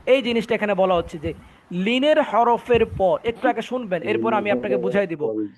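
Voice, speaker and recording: Brief: male Quran tutor, Bangladeshi Bengali accent, high voice, patient, repeats each rule. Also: expressive, moderate pace, a little mellow. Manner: patient, repeats points, drills students. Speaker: Quran recitation teacher. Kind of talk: online class teaching.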